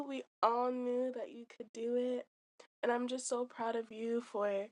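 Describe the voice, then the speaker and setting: Fairly high woman, steady and even. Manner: proud, encouraging. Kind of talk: recorded congratulation message.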